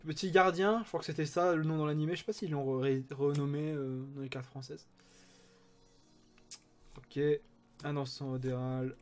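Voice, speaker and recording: A man's voice: on the high side, fairly even intonation, normal speed, long pauses, faint music behind. A man chatting enthusiastically as he opens trading card packs, reading card names aloud. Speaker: card-opening YouTuber. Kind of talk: casual unboxing commentary.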